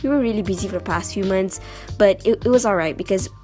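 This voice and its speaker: A young Malaysian vlogger in her 20s delivers playful, chatty voice-over for a travel video over background music. She talks fast, with a medium pitch and a darkish tone.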